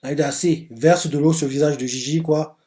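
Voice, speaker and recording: A man hosting a casual live reaction to a manga chapter, rambling and animated with constant filler words. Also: a little high, a little fast. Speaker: manga reaction channel host.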